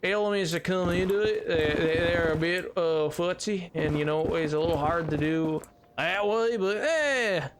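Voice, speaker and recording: Over background music, a male livestreamer chats loosely with viewers in a put-on Southern American drawl, rambling and hesitating through his explanations. His voice is slightly high, his pace moderate, and the setting noisy.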